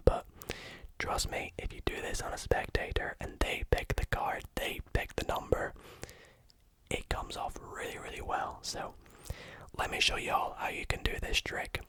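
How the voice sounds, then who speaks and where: A magician giving a whispered ASMR tutorial, gently explaining things step by step. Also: no room sound. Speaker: magician teaching a card trick.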